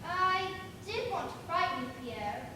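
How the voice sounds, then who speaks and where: A woman's voice: very high voice, expressive, unhurried, noisy background. A woman playing a defiant, indignant young heiress in an amateur stage play, heard from far away in an echoey hall. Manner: indignant, rising retorts. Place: theatre stage.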